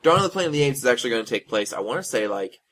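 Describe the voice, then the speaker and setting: A man's voice: medium pitch, big pitch swings, rapid-fire, fairly bright tone, slight background noise, low-quality recording. A man co-hosting a casual podcast, explaining plots in a rambling way with many filler words. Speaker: podcast co-host.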